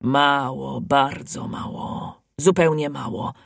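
A storyteller voicing a brisk, bossy gnome who speaks gruffly in a lowered voice. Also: no echo, clean studio sound, natural voice. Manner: gruff, commanding, low.

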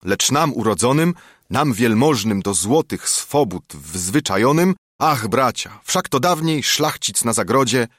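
A man voicing a proud, impoverished nobleman who shouts with scorn. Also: medium pitch, sing-song, a little slow, no room sound, studio quality. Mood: scornful.

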